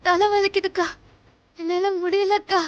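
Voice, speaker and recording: A woman's voice: very high-pitched, level tone, dull audio, slight background noise. Indira, a dazed young woman. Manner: groggy, pleading, drawn-out cries. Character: dazed young woman after a drugged drink. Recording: TV serial with loud music under it.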